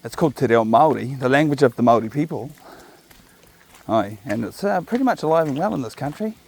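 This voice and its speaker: Fast and lively, this medium-pitched male voice has vocal fry and a slightly mellow quality. The speaker, a man with a New Zealand accent, walks his dog on outdoor park trails and chats to viewers on a chest-mounted camera. His talk is a casual, rambling monologue, laid-back and chatty with jokey asides.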